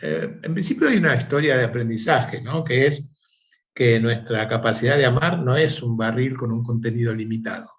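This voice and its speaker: A man, the guest of an interview, telling a parable and reflecting in an animated, conversational way. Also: mid-range voice, moderate pace. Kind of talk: conversational storytelling.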